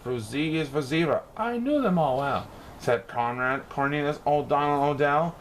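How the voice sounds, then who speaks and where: A man with a slightly high voice reads a rhyming children's picture book aloud at a normal speed, as a storybook reader. His delivery is theatrical and playful, with exaggerated emphasis. There's slight background noise.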